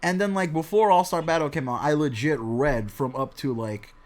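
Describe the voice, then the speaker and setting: A young man hosting a casual podcast, talking fast and animated with plenty of swearing and banter. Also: a little high, a little hiss or hum. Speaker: podcast host.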